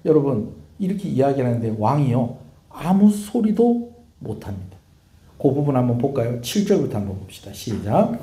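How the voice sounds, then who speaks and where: Lively pastor preaching in echo. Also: male voice, mid-range voice, moderate pace. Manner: animated storytelling, asks the congregation questions. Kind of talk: sermon. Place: church sanctuary.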